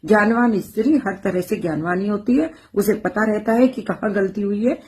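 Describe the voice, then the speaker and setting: A woman's voice: medium pitch, moderate pace. Impassioned woman delivering a rhetorical monologue. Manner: forceful, rhetorical, repeating phrases for emphasis. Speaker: educator and social media speaker.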